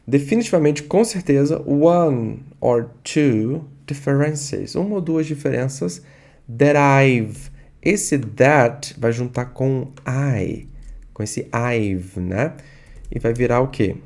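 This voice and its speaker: A man with a Brazilian Portuguese accent teaching an English lesson online, patiently repeating and drilling words slowly. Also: medium pitch, expressive, vocal fry, a little mellow.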